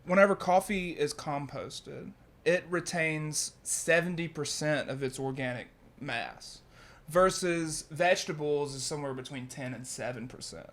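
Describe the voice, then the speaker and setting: A young man, a farmer chatting casually as a guest, relaxed and full of fillers. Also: fairly high pitch, unhurried. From Louisiana, US. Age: young adult. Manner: laid-back, says "man" often, many fillers. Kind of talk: casual conversation.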